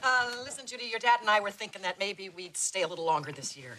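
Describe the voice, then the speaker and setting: A woman's voice: mid-range voice, expressive, quick pace, bright, forceful tone. An older actress playing a bossy, nagging wife and grandmother in a sitcom, scolding her husband. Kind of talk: sitcom acting.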